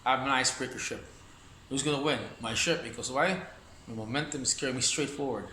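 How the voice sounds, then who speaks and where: A man's voice: mid-range voice, a little fast, sharp tone, a little hiss or hum. A man teaching Wing Chun in a loose, rambling way, repeating himself and talking while he demonstrates moves. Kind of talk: casual martial arts demonstration talk. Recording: echoey room with faint ambience.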